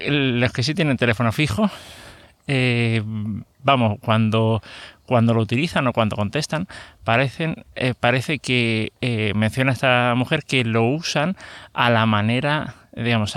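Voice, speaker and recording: A man's voice: medium pitch, fairly bright tone, no echo. A middle-aged man with a Spain Spanish accent hosting a podcast alone. He talks casually and rambles, with many hesitations and self-corrections. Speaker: podcast host. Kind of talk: casual solo podcast talk.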